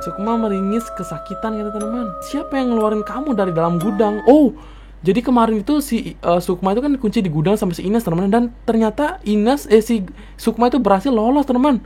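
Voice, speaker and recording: A woman's voice: fairly high pitch, brisk, dark tone, faint music behind. A woman reading a horror chat story aloud, chatty, often turning to address her listeners. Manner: chatty, keeps addressing the audience. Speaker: storyteller, channel host.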